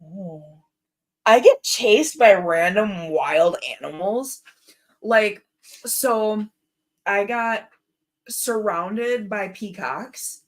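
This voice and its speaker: A woman in relaxed conversation, telling stories with lively energy and frequent swearing. Her voice sits at an ordinary middle pitch, and she laughs her way through her own anecdotes. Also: drawn-out words. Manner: animated, profane, laughing storyteller. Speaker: talk show participant. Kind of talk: casual chat, storytelling.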